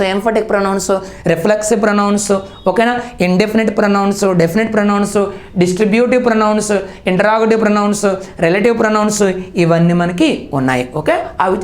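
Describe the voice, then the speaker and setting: A woman teacher with a Telangana Telugu accent runs an exam-prep grammar class. She fires questions at the listeners, answers them herself and keeps checking that they follow. Her voice sits in a mid range and carries a roomy, echoing sound. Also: mid-range voice. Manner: quizzing, answers own questions, checks with "okay?".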